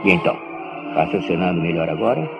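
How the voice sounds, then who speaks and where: An actor with a Brazilian accent playing a stern, protective and persuasive brother in a radio soap opera, speaking with theatrical emphasis. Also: male voice, sits low, lively intonation, fast. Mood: reassuring. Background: music.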